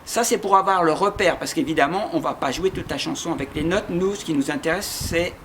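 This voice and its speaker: Brisk and fairly bright in tone, with a voice on the high side, this man guides a step-by-step guitar lesson, patiently breaking down chords and rhythm and singing short demo phrases. Guitar plays along, and there's a little hiss or hum.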